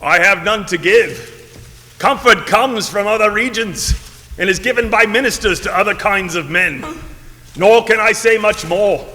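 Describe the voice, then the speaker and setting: A man playing the raspy, mock-solemn ghost of a dead business partner in a comic stage play, recorded in a reverberant hall. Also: high voice, a little slow, sharp tone. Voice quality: put-on raspy voice. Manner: theatrical, mock-solemn with jokes and laughter. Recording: roomy hall with long reverb, faint noise.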